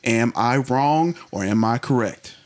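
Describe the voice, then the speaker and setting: A playful male podcast host who jokes and teases his co-host. His voice sits at a middle pitch for a man, and he keeps the banter lively and loose. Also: a little slow. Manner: playful, teasing, animated banter. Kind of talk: casual podcast chat.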